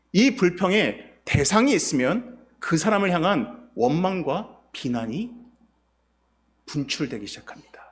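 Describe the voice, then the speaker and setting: A male pastor preaching a sermon, posing rhetorical questions to his congregation. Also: on the high side. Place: church sanctuary.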